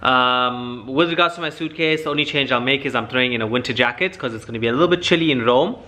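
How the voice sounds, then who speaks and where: In another casual vlog chat, the cabin supervisor speaks at a quick pace with a medium pitch and a sharp edge. He's chatty and informal, speaking to his viewers as guys.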